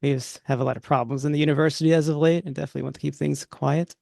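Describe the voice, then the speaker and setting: A man running a tabletop horror game, speaking for a university official in a relaxed, conversational way. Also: a little high, very fast, gravelly, dry recording, clean studio sound. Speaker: game master. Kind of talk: narrating and voicing characters in a tabletop game.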